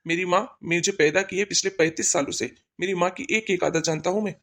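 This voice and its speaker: A woman voicing a man in his thirties in a cartoon, a son and husband who scolds sternly and loudly. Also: on the low side, fairly even intonation, fast. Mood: angry.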